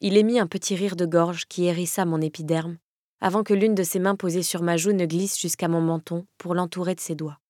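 A woman reading a romance novel aloud in the first person, with measured, intimate storytelling on a close studio mic. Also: lowish voice, fairly even intonation, warm tone, no room sound. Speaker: audiobook narrator.

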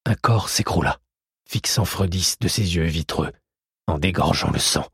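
A man narrating a historical adventure audiobook in a steady, measured storytelling manner. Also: low-pitched, creaky, husky, no room sound, clean studio sound. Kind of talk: scripted narration.

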